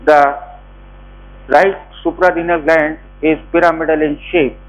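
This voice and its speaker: A man's voice: on the high side, flat delivery, measured pace, highs cut off. A man with a North Indian accent teaching a class as a lecturer, giving step-by-step instructions in short phrases. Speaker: anatomy lecturer. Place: indoor lecture theatre.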